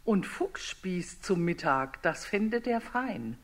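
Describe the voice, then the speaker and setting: A bold little storybook mouse with a cheerful, knowing tone, as an older woman reads it out. The voice stays close to a friendly reader's own, only brightened for the character. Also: fairly low pitch, big pitch swings, takes it slowly, exaggerated voice. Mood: sly, bold.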